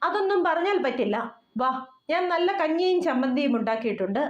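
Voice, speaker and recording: A woman voicing a caring, protective older-brother figure who coaxes gently, in a roomy, dull recording. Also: high voice, very animated, a little fast. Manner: gentle, coaxing.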